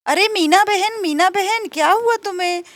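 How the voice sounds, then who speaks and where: A woman's voice: extremely high pitch, normal speed, fairly bright tone, no room sound, pitched above the performer's own voice. A woman voicing a caring neighbor auntie in a doll story who fusses and comforts a child. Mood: concerned. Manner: fussing, comforting.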